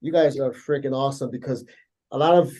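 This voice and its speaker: A man's voice: mid-range voice, fairly quick, mellow. A laid-back man from Chicago, a guest in a casual interview, who keeps dropping "man" and "bro".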